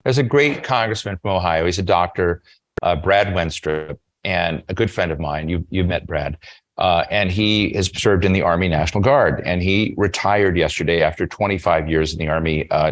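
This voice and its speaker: A man moderating an onstage interview at a dinner event, asking long, rambling questions full of restarts. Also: low-pitched.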